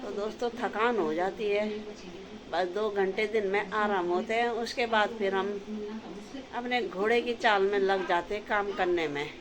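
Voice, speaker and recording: A middle-aged woman chatting casually to viewers in a home vlog from her kitchen and rooftop, loudly scolding her dog at times. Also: mid-range voice, a little slow, crowd noise, poor audio. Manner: chatty, addresses viewers as friends. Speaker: vlogger.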